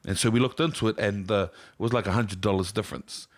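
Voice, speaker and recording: A man's voice: lowish voice, steady tone, fast talker. A man hosting a casual chat and asking plenty of questions. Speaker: host.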